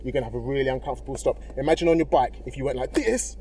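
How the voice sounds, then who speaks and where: A driving instructor races through casual, encouraging step-by-step instructions in a mellow, medium-pitched voice, regularly checking that the learner is with him. They're in a car in a car park, and vehicle noise can be heard.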